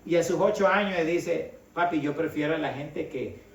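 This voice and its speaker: A man's voice: a little high, normal speed, a little hiss or hum. A middle-aged man from El Salvador, preaching a sermon in a conversational way and often calling his listeners brother. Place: church hall. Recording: echoey hall, voice from a distance.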